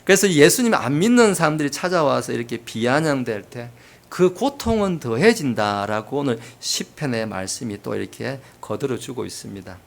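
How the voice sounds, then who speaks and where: A man preaching a sermon as pastor, animated and acting out the voices he quotes. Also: mid-range voice, moderate pace, creaky.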